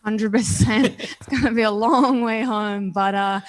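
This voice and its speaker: A young Australian woman speaks as a fighter in a post-fight interview, her voice pitched a little high. She is confident and frank, talking casually and thinking aloud between ums. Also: steady tone, measured pace. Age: 20s. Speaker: professional MMA fighter.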